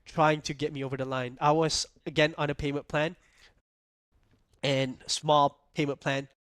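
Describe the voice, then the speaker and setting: A man's voice: fairly high pitch, flat delivery, normal speed, a bit bright, clean tone, no echo. Young man from Malaysia, storytelling host. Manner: storytelling, laid-back, peppered with "like" and "right?". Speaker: podcast host. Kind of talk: casual podcast chat.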